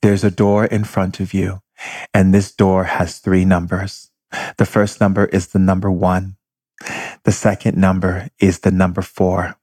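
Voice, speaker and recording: A man leading a guided meditation with slow, calm instructions. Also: low-pitched, no echo.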